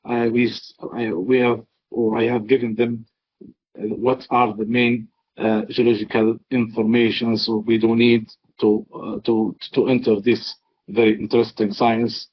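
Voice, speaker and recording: A man giving a webinar talk over a video call, halting, with many fillers and restarts. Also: mid-range voice, flat delivery, slightly rough. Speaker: webinar speaker. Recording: dull lo-fi video call audio.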